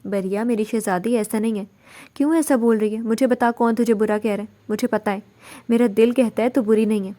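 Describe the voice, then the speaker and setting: A woman reading the part of an elderly mother-in-law, speaking in a gentle, coaxing way. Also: fairly high pitch, steady tone, lightly acted. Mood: pleading.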